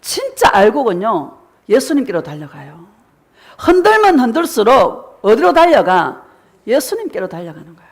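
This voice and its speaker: A woman's voice: on the high side, wildly swooping pitch, normal speed. A middle-aged woman pastor giving a sermon, asking the congregation questions and answering them herself, sometimes acting out what believers say. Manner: preaching with rhetorical questions and call-and-response; acts out voices of congregants in quoted prayers.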